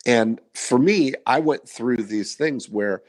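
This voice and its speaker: A man's voice: mid-range voice, slow pace. A man in his fifties hosting a podcast, talking in a reflective, rambling way with many fillers. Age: 50s. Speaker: podcast host. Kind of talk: casual interview chat.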